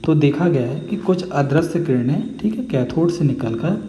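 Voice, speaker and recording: A man with a Hindi accent and a rather high, expressive, dark-toned voice teaches chemistry at normal speed in an echoey room with long reverb and faint background noise. He explains step by step, constantly checking in with "theek hai" and answering his own questions.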